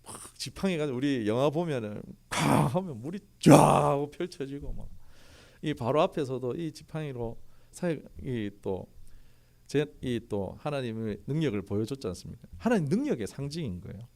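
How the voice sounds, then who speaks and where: A man's voice: medium pitch, moderate pace, gravelly. A male pastor preaching a sermon who keeps asking rhetorical questions and reads scripture aloud in a formal tone. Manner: lively, fires rhetorical questions at the congregation.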